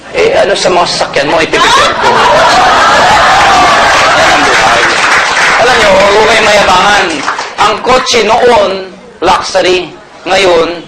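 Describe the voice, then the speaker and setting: Man from Pangasinan, high-pitched motivational seminar speaker, jokey and loud, over a loud crowd. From Pangasinan, Philippines. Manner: energetic, jokey, often shouting to the crowd. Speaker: network marketing speaker. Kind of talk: motivational sales talk to a live audience. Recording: loud crowd and noisy venue.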